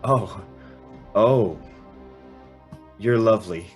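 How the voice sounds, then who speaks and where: In an old-time radio drama, an actor voices and narrates as an earnest, awestruck young man, shy and smitten, halting and stammering through his dialogue. He speaks extremely slowly in a voice on the low side, with faint music underneath.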